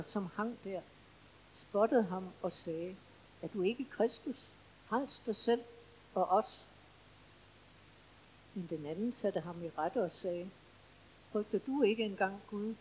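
A woman reading scripture aloud in a steady, careful way. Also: mid-range voice, pauses often, a little hiss or hum, poor audio. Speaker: scripture reader.

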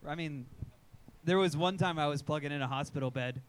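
A man's voice: on the high side, a little fast, clean tone. A man co-hosting a podcast in casual chat, telling a profane story and acting out his own reactions. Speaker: podcast co-host. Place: live show at a sports bar.

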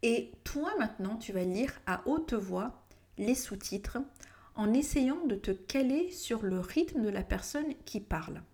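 Slow, gravelly-voiced woman teacher. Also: fairly high pitch, animated, darkish tone. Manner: thinks aloud, with frequent restarts and hesitations. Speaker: English pronunciation teacher. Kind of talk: casual spoken tutorial.

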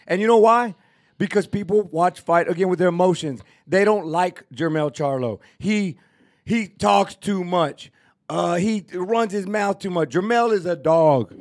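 High-voiced man ranting about boxing. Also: unhurried, darkish tone. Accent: Texan. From Texas. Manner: emphatic, repetitive, ranting. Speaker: podcast co-host. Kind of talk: casual sports debate.

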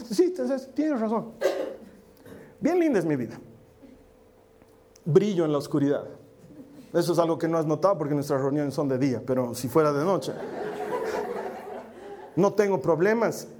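A man's voice: high voice, a little mellow. A middle-aged man preaching a sermon as pastor, with playful self-mocking humor that shifts into earnest exhortation. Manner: shifts between jokey asides and earnest preaching.

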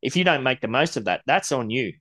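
A man's voice: mid-range voice, lively intonation, a little fast, sharp tone. A man from Australia, co-hosting a podcast, ranting bluntly and swearing, with an occasional lisp when he gets worked up. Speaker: podcast co-host. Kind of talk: casual ranting chat.

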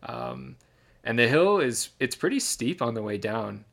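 Speaking at a measured pace, a young man with a creaky, medium-pitched voice recounts a race on the podcast he co-hosts. As a runner sharing the tale casually, he fills it with ums and frequent restarts.

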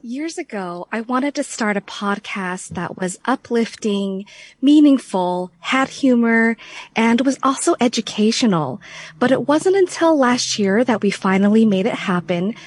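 A woman who is a podcast co-host on as a guest, speaking in a measured, earnest way about her show. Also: fairly high pitch, expressive, no echo. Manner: earnest, measured, explains the show's mission.

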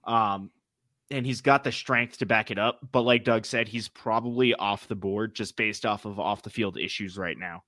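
New England man with a bright, forceful voice. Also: fairly low pitch, normal speed, no room sound, clean studio sound. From New England, United States. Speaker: sports show co-host. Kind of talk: casual sports talk.

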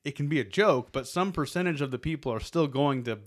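A man's voice: medium pitch, a little fast. An American man chatting informally as a co-host of a podcast. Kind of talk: casual chat.

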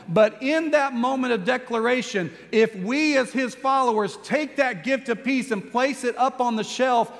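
A male pastor preaching a sermon, telling a story with animated delivery and acting out quoted lines. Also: extremely high pitch, big-room sound.

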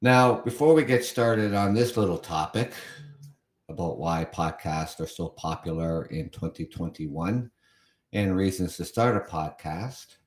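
A Canadian man hosts a solo podcast, reading from an article and chatting about it as he goes, repeating himself at times. His low voice is a little mellow, and the room sounds echoey.

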